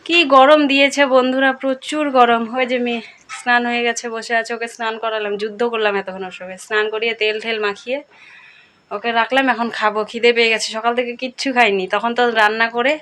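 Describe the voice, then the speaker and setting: Chatty young woman, flat soft delivery. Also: on the high side. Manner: chatty, keeps checking in with viewers; speaks softly late at night. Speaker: daily-life vlogger. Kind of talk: casual home vlog voice-over.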